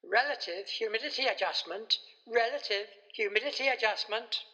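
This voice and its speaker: A woman's voice: a little high, moderate pace, pushed and bright. A woman voicing a bossy female car computer that speaks in clipped, repeated announcements. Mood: announcing. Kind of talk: storybook voice acting.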